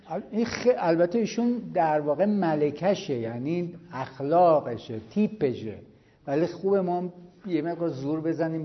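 A man, a cleric, giving a conversational religious lecture to students, telling stories and acting out the quoted exchanges. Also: high voice. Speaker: cleric teaching seminary students. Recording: dull lo-fi recording.

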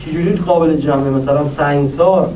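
A man's voice: a little high, warm tone. A man in the audience politely and hesitantly asking a question. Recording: echoey, far from the mic, dull and noisy.

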